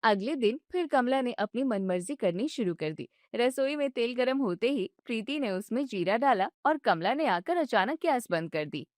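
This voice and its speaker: A woman narrating a scripted family story in a plain, even way. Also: on the high side, moderate pace, few pauses, dry recording, studio quality.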